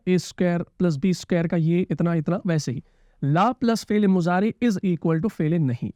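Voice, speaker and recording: High-voiced male Arabic grammar teacher. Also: darkish tone, dry recording. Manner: explains patiently, repeats key terms, checks understanding with questions. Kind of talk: classroom-style grammar lesson.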